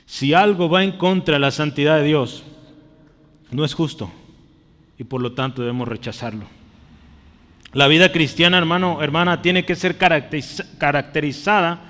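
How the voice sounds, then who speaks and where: A man's voice: a little high, moderate pace, pauses often, a bit bright, in a large hall. A man preaching a sermon earnestly, calling his listeners brother and asking them questions. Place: church.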